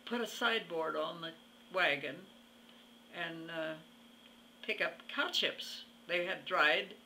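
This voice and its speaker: A woman over a hundred with a very old voice, answering an interviewer in a halting, plainspoken way with pauses mid-phrase. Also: on the low side, bright, forceful tone, a little hiss or hum, poor audio. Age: over 100. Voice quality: very old, aged voice. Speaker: interview guest. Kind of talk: reminiscing in conversation.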